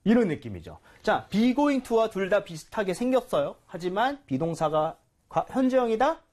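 Male English teacher, husky and very animated, patient quizzing style. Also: sits high, moderate pace. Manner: patient, quizzing, explains and corrects. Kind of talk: English lesson with a student.

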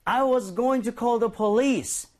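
A man's voice: very high-pitched, very slow, a little mellow. A man teaching English, quizzing a student and patiently explaining grammar.

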